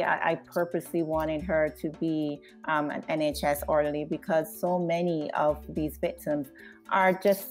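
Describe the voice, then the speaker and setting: A woman from Barbados, a screenwriter, speaking thoughtfully in an interview with frequent pauses. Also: fairly low pitch, a little mellow. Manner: thoughtful, measured, with many "uh" pauses. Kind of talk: interview conversation.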